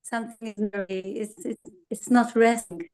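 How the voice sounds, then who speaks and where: A woman speaking haltingly on a group video call while her audio glitches and keeps dropping out. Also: a little high, fairly even intonation, a little mellow. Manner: hesitant, restarts phrases. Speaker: team member on a video call. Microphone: laptop or phone on a video call.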